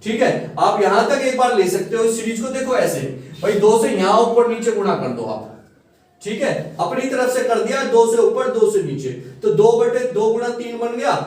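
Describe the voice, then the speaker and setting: High-voiced male maths teacher, echoey room. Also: expressive, moderate pace, darkish tone. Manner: coaxing, keeps checking students follow. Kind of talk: classroom-style maths lesson. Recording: echoey room, far from mic.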